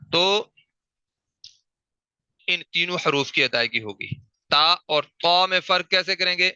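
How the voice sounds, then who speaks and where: A Quran recitation teacher gives an online tajweed class in a very bright, crisp, resonant voice on the high side. He slowly drills single letter sounds, repeating them, and checks in with rhetorical questions. The recording is close, dry with no echo, and rough.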